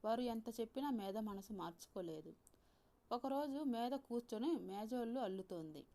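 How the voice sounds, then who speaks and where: A woman with a Telugu accent reading a story aloud in a calm, measured way, softly voicing the characters. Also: fairly high pitch, creaky. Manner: calm, measured reading with soft voiced dialogue. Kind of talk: scripted story narration.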